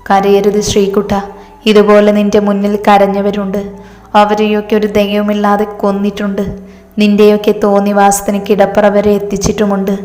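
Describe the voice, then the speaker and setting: A woman's voice: mid-range voice, completely flat delivery, normal speed, darkish tone, roomy sound, in a large hall, lightly acted. A woman voicing a bitter vengeful mother. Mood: scornful grief. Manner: scornful, grief-stricken.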